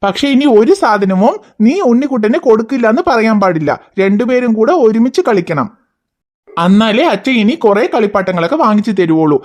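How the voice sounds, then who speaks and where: A patient, gentle cartoon father, voiced by a woman who coaxes and reasons with his children. The voice sits somewhat high and stays calm and firm. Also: brisk, close to an everyday voice. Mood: coaxing. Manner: coaxing, explaining patiently. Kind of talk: cartoon voice acting.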